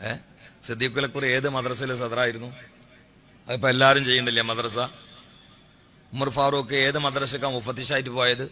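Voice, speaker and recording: A man preaching a sermon, firing off rhetorical questions and building to loud, drawn-out exhortations. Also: mid-range voice.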